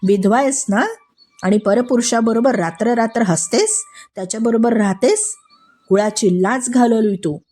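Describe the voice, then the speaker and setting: A woman voicing an enraged royal man who shouts accusations and insults in a told story. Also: on the high side, normal speed, natural voice. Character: furious jealous royal man with a sword.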